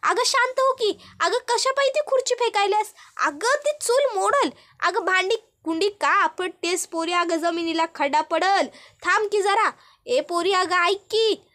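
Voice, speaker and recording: A woman voicing Savitri, a flustered village mother scolding her daughter in a shrill rural manner, in a retold TV serial. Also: a little slow, fairly bright tone. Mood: alarmed.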